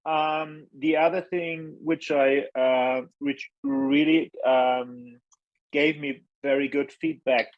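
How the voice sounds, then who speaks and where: Slow, hesitant man. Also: a little high, lively intonation, dry recording, muffled recording. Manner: hesitant, many ums, modest. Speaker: hot sauce maker guest. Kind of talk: casual chat.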